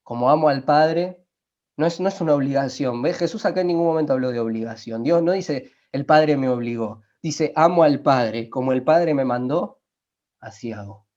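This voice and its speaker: Emphatic preacher, lo-fi. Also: male voice, medium pitch, darkish tone. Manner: emphatic, slows down to quote scripture, asks listeners rhetorical questions. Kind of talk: sermon. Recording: dull lo-fi recording.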